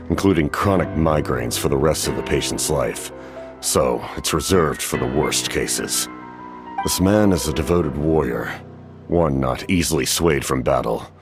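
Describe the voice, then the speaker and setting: A man voicing a stoic, solemn, centuries-old warrior captain in a game cutscene, speaking formally and gravely in measured phrases. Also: extremely low pitch. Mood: grave, clinical. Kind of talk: dramatic video game cutscene dialogue.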